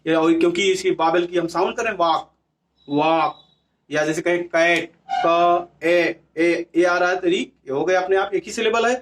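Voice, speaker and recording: A man's voice: high-pitched, brisk, few pauses. A man teaching a grammar lesson. He asks his class questions, answers them himself and repeats the key words.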